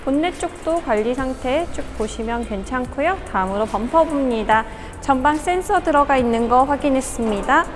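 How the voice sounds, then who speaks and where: A woman with a high-pitched voice presents a used car in a scripted sales walkaround. She moves through her inspection patter politely and in good order, and music plays behind her. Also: expressive, normal speed, few pauses. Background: background music.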